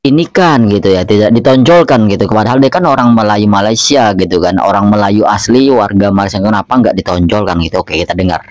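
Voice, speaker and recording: Male Indonesian reaction host, lowish voice, close dry recording, loose conversational delivery. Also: brisk, few pauses, dry recording. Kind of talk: casual rambling commentary.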